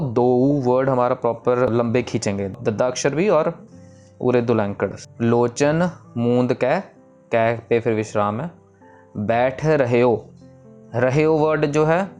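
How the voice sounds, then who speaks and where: A man giving a pronunciation lesson, explaining each sound and then reciting the lines slowly and drawn out. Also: medium pitch, a little mellow, highs cut off. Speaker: Gurbani recitation teacher.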